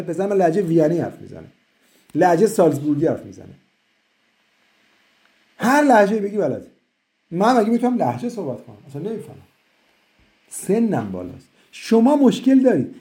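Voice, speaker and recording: A man's voice: fairly high pitch, warm tone. A middle-aged man answering questions as an immigration consultant in a live session, talking emphatically and persuasively.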